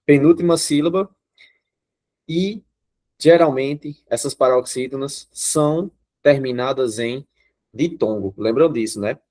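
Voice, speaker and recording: A man's voice: mid-range voice, a little slow, a little mellow. A man with a Brazilian accent teaching an online grammar class. He explains step by step and keeps checking in with his students. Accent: Brazilian Portuguese.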